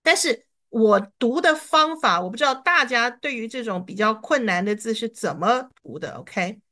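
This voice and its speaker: A woman's voice: fairly high pitch, expressive, fairly bright tone. Encouraging woman teaching English pronunciation. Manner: encouraging, sounds out English words slowly. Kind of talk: online lesson.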